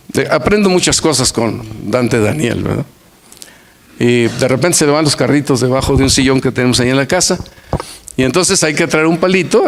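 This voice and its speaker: An older man preaching an earnest sermon, repeating his points and weaving in homely stories. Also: mid-range voice. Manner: earnest, repetitive preaching with folksy anecdotes. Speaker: pastor. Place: church.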